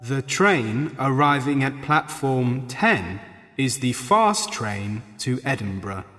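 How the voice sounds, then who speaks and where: A man reading scripted train station announcements in a slow, clear public-address delivery. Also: medium pitch, animated, a bit bright. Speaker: announcer in a listening exercise. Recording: long hall reverb.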